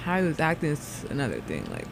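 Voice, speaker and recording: A man's voice: huge pitch swings, fast talker, low-quality recording. A man giving a casual, tentative reaction to music in conversation. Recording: faint vehicle rumble in background.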